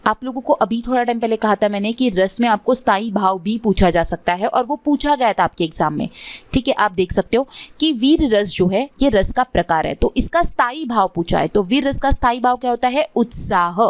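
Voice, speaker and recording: Woman tutor, fairly high voice, dry close sound, explains exam questions and checks in often. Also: expressive, a little fast, dry recording. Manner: mixes English words into Hindi, checks in with "theek hai". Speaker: exam prep teacher.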